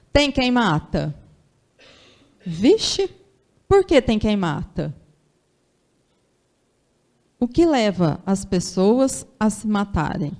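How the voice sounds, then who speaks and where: A woman's voice: a little high, mellow. A woman from Brazil with an interior São Paulo accent, giving a Sunday spiritual lecture in a chatty way, full of rhetorical questions. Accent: São Paulo interior Brazilian Portuguese.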